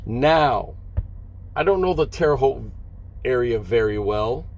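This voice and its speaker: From inside his parked truck cab, a long-haul trucker chats casually and a bit haltingly with his viewers, explaining things and checking in with quick questions. His medium-pitched voice has lively intonation and a slightly mellow quality, with vehicle noise audible behind him.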